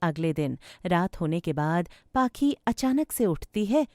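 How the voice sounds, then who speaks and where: Slow, expressive woman storyteller. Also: fairly low pitch, dry recording, clean studio sound. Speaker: narrator. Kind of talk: scripted cartoon narration.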